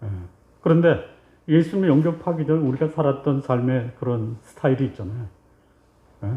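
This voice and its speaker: Korean pastor preaching in a roomy church. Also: male voice, medium pitch, steady tone, fairly quick. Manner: asks the congregation questions and answers them himself; acts out God and the believer in short dialogues. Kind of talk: sermon. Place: church sanctuary. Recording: roomy, slightly dull church recording.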